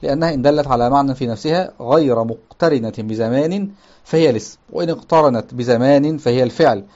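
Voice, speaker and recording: A man's voice: mid-range voice, fast talker, mellow, lo-fi sound. A man teaching a grammar lesson. He explains step by step, repeats key terms, often checks with his listeners, and raises his voice when he quotes the text.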